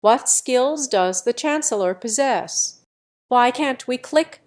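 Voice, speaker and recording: A woman's voice: fairly high pitch, expressive, takes it slowly, voice pushed up. Woman reading weak young man of eighteen, confused, pleading, audio story.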